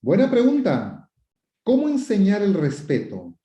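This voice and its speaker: A man's voice: sits high, huge pitch swings, a little slow, mellow. A psychotherapist answering viewers' questions, a man who explains with many repetitions and rhetorical questions. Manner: quotes questioners and acts out sample phrases. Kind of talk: advice talk. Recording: roomy, dull lo-fi sound.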